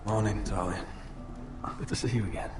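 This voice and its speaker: An actor playing a gravely wounded young lord in a video game, a stoic, protective older brother who speaks in a subdued, resolute way. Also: male voice, on the low side, fairly even intonation, brisk, reverberant, distant mic, over music, lightly acted. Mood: gentle, weary.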